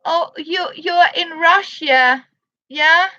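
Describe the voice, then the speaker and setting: A Danish woman in her fifties speaks very slowly in simple, halting English as she chats with viewers on a live crafting stream. Her voice is high and bright, recorded dry and a little dull, as if through a basic stream setup. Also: no echo. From Denmark. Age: 50s. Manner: halting, simple English, greets viewers by name, laughs often. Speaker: livestream crafter.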